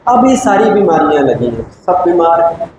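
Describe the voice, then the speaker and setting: A man with a high voice gives a spiritual discourse to a gathered audience, pressing his point with emphatic rhetorical questions and patient explanation. His voice rings through a heavily echoing hall. A steady hum of background noise sits under every word. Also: normal speed. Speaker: spiritual teacher. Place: large meditation hall.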